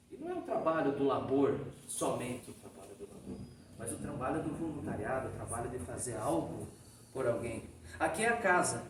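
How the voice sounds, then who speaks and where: A man with a Brazilian accent giving a Spiritist lecture, telling stories in a lively, folksy way and often tagging his sentences with a question. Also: fairly high pitch. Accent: Brazilian Portuguese. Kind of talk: storytelling lecture. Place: Spiritist society hall. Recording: echoey hall, distant mic, faint noise.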